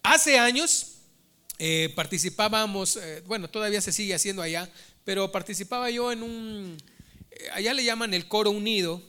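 Male preacher, bright, tense tone, storytelling sermon. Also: high-pitched, moderate pace, clean tone. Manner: storytelling, addresses listeners as brothers.

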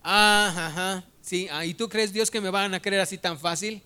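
Man acting out reluctant Moses, hesitant, pleading, high bright voice. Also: fairly even intonation, moderate pace, smooth. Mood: pleading excuses. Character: reluctant nervous Moses, grown man, full of excuses.

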